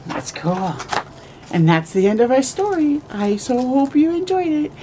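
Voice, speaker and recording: Reading a picture book to children, this middle-aged storytime host speaks in a high-pitched voice, slow and expressive, with gasps, drawn-out words and small asides. A camera close by captures her outside on a porch or yard in early morning, and the background is noisy.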